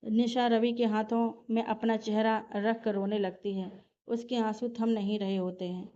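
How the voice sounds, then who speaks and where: A woman narrating a family story in a calm, steady reading voice. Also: medium pitch. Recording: dull lo-fi recording.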